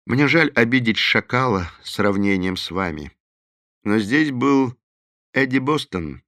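A man voicing a male detective with a measured, courteous way of speaking. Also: medium pitch, expressive, bright, forceful tone, no echo, studio quality, pitched above the performer's own voice. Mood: calm courteous. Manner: measured, polite.

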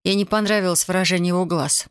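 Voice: medium pitch, steady tone, quick pace, fairly bright tone, smooth, dry recording. Audiobook narrator, dry close sound. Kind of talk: scripted novel narration.

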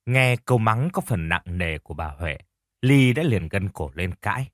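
A man narrating a scripted story in a lively, dramatic way. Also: on the low side, moderate pace, dry recording, studio quality.

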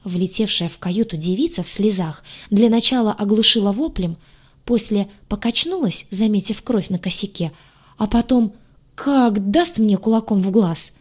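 A woman narrating a first-person audiobook in a lively, wry, expressive way. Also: mid-range voice, moderate pace, slightly rough.

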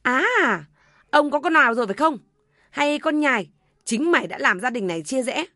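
A woman's voice: big pitch swings, measured pace, sharp tone, no room sound, clean studio sound, full character voice. A woman voicing a bitter elderly mother-in-law who shrieks, scolds and wails. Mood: shrieking. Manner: shrill, scolding, wailing.

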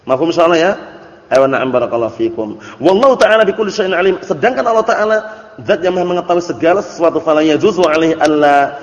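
Religious teacher guy doing a grammar class, keeps asking if people got it, dull lo-fi sound with lots of room echo. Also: a little high. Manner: keeps checking understanding with quick questions; recites Arabic text slowly, then explains it. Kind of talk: classroom lecture on Arabic grammar. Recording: echoey hall, dull lo-fi audio.

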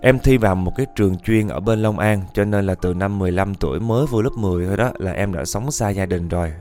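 A man's voice: sits low, fast talker, a little mellow, soft background music. A man reading a listener's ghost story aloud in a chatty style, often turning to address his audience.

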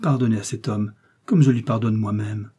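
A man's voice: fairly low pitch, normal speed, warm tone, husky. A man voicing a pleading, falsely pious young woman. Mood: pleading prayer. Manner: pleading, tearful, falsely sweet. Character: scheming young woman prisoner feigning piety.

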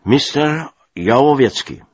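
A man's voice: medium pitch, lively intonation, slow, breathy edge, no echo, dull audio, pitched above the performer's own voice. Brief: stern threatening British army major, read by a male narrator, formal and commanding. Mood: stern demanding.

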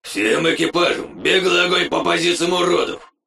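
Guy doing a growly military commander on the radio, raspy, bit roomy. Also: high-pitched, little pitch movement, moderate pace, pushed and bright, exaggerated voice. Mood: commanding. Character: gruff male military commander barking orders. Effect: heard over a combat radio link.

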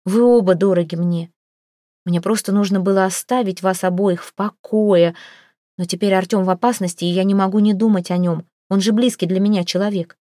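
A woman's voice: mid-range voice, steady tone, brisk, mellow, no echo, studio quality, natural voice. A woman voicing a young woman who is frantic and tearful, pleading breathlessly between sobs, in a storybook reading.

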